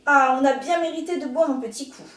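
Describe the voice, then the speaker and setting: A woman's voice: high voice, a little fast, fairly bright tone, distant mic. A woman voicing a brave, cheerful little rooster in a storybook, speaking in an eager, friendly way, in an echoey room. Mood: excited.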